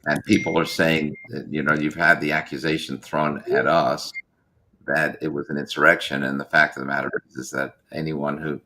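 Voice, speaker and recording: A man speaking on a video call whose audio glitches, cuts out and lags, talking in a halting way with many restarts. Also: rumbling low, little pitch movement, pushed and bright. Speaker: panel guest on a video call. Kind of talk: casual panel talk.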